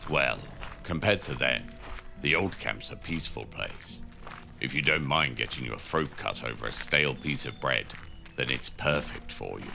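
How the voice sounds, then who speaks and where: A man playing a seasoned, cynical prison inmate in an audio drama, gravelly and matter-of-fact as he advises a newcomer. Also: extremely low pitch, expressive, moderate pace, exaggerated voice. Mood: matter-of-fact, wry. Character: gruff, seasoned male convict guiding a newcomer, worldly and cynical. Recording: music under the voice.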